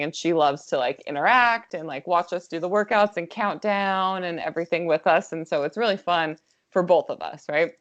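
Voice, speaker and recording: A woman co-hosting a podcast, chatting casually and supportively with easy laughter. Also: fairly low pitch. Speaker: podcast co-host. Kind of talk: casual chat. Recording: dull lo-fi podcast audio.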